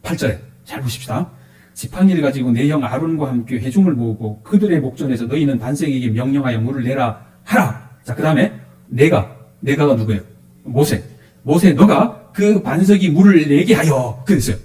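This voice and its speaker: A male pastor preaching a sermon, questioning his congregation in a lively, animated way. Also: mid-range voice, fairly quick, echoey room.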